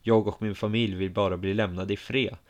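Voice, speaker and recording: A grave, curt farmer man who is the narrator's weary older brother, heard in a spoken storybook reading. His voice sits fairly low, as the storyteller puts him on, and he talks in short, serious lines. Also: steady tone, close to an everyday voice. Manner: grave and curt, turning sad.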